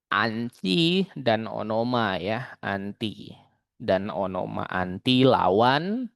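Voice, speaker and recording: A man's voice: fairly low pitch, vocal fry, no echo, studio quality. A young man tutoring students for an exam, explaining in a chatty, casual way and tagging his sentences with little fillers. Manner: chatty and explanatory, often tagging lines with "gitu" and "ya". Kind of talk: casual online exam-prep lesson.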